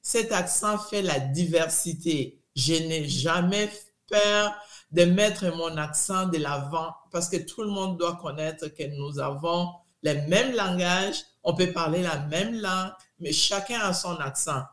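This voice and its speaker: A middle-aged woman with a Congolese French accent, speaking with deliberate emphasis and frequent restarts. Her voice carries a noticeable room echo, as if recorded in an open space. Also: on the low side. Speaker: interviewee, immigrant community advocate. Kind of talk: earnest interview answer. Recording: roomy echo.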